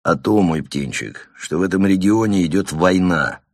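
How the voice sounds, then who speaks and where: A blustering old giant of a father, scornful and overbearing, voiced by a male audiobook reader. The voice sits very low and sounds close and dry. He mocks his son in a heavy, bullying tone. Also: moderate pace, no echo. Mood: mocking. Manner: sarcastic, explodes into shouting.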